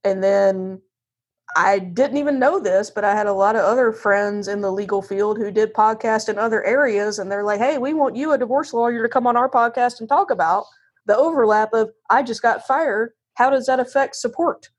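On dull-sounding audio, a divorce lawyer with a Southern US accent speaks at a moderate pace in a slightly high voice with a breathy edge. As a podcast guest in a casual interview, she's candid and self-deprecating and often acts out quotes from herself and others.

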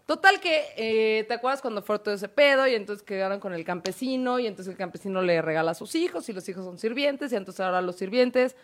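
A woman's voice: mid-range voice, fast, few pauses. Slangy Mexican woman telling a tale. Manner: animated, heavy slang and swearing. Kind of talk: casual storytelling chat.

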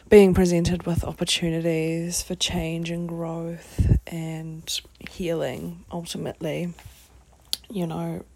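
A podcast host with a New Zealand accent gives a reflective solo wellness talk, speaking haltingly and thoughtfully with trailing phrases. Her voice is fairly low-pitched and darkish, with vocal fry.

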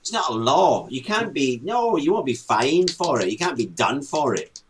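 Blunt, emphatic man with mid-range pitch. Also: very animated, moderate pace, slight background noise. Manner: blunt, emphatic, repeats himself. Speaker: co-host of a chat show. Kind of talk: casual opinionated banter.

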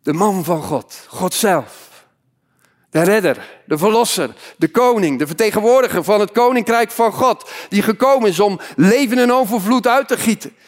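A man preaching a sermon as pastor, moving between loud exhortation and hushed, quiet passages. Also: sits high, normal speed, few pauses.

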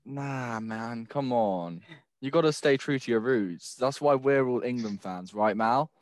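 A man's voice: medium pitch, measured pace, no room sound. A man hosting a casual sports chat, teasing his co-hosts with banter. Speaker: podcast host.

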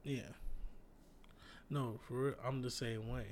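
A man's voice: mid-range voice, steady tone, takes it slowly, crowd noise. A man co-hosting a casual chat, telling laid-back stories full of slang and profanity. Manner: laid-back storyteller, laughs through his punchlines. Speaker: podcast co-host.

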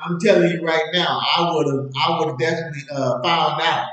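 A man's voice: a little high, steady tone, brisk, fairly bright tone. Guy asking teasing questions from a bit off mic, lots of room echo. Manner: teasing, asks prodding questions. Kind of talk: casual chat. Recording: distant voice in an echoey room.

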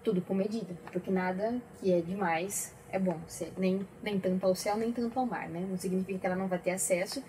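A woman who is a teacher and mother, speaking in a measured, thoughtful way as a guest on a talk show. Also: medium pitch, steady tone, dark tone, a little hiss or hum, rough recording. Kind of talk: casual talk show chat.

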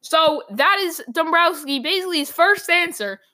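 A woman hosting a solo sports talk podcast, ranting with strong opinions, her voice going hoarse. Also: very high voice, expressive, moderate pace, pushed and bright.

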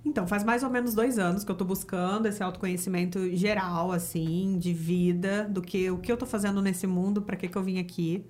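A woman's voice: mid-range voice, steady tone, brisk, hardly any pauses, a little mellow. A woman from Rio de Janeiro with a Carioca accent, talking reflectively as a podcast guest in a casual interview. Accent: Carioca Portuguese. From Rio de Janeiro, Brazil. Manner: reflective, talks about spirituality with many fillers.

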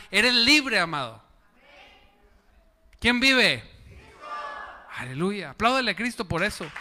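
With a high, sharp voice ringing through a big room, a man preaches as pastor. He calls on the congregation to repeat after him and to applaud, in a call-and-response style.

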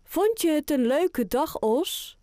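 A woman's voice: sits high, expressive, slow, warm tone, dry recording, clean studio sound, pitched above the performer's own voice. Woman doing a sing-song, doting grandma. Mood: fond. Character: warm, playful grandmother who loves singing. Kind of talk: children's audiobook character voice.

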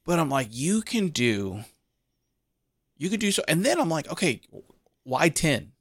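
A man's voice: fairly high pitch, very animated, normal speed, dry recording, clean studio sound. A man co-hosting a casual podcast, musing and thinking aloud. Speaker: podcast co-host. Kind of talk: casual chat.

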